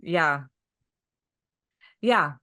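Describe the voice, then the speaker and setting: Lowish woman podcast cohost, slow and thoughtful, asks questions, lots of likes and ums. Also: expressive, pushed and bright. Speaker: podcast co-host. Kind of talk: casual podcast discussion.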